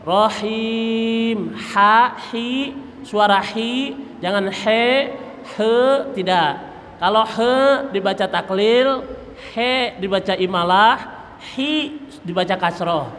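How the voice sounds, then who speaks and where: Slow-drilling man teaching recitation, echoey hall. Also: high voice, fairly bright tone. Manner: slow, patient drilling of letter sounds, chanting verses. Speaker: ustadz teaching Quran recitation. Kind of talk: tajwid lesson with chanted examples. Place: mosque hall. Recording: reverberant mosque hall, faint noise.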